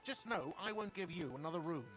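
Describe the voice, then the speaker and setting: A man's voice: a little high, animated, a little fast, a bit bright, faint music behind, voice pushed up. A man voicing a grumpy, sarcastic male cafeteria manager in a video game, nagging about money owed.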